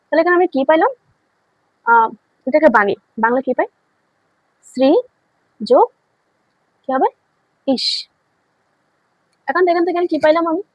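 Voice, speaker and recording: A woman's voice: sits high, a little mellow, no room sound, rough recording. A woman teaching a grammar lesson, asking questions and answering them herself, repeating key words. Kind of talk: online classroom lesson.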